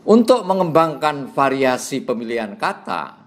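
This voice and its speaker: A man with a voice of ordinary pitch reads a lecture aloud at a measured pace. He lifts his voice as each new point begins and lets it fall away at the end. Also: very animated. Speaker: lecturer on preaching rhetoric.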